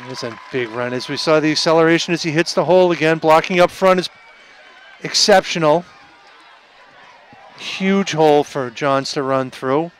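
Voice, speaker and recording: A man giving color commentary at a local high school football game, talking through the blocking in a chatty way and correcting himself. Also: moderate pace. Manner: chatty analysis with self-corrections and light laughs. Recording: outdoor stadium with crowd and noise. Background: crowd and field noise.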